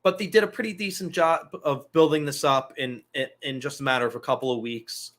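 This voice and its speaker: A man's voice: mid-range voice, fairly even intonation, fairly quick, fairly bright tone. A man hosting a casual wrestling talk show, loose and profane, rambling through asides. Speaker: podcast host.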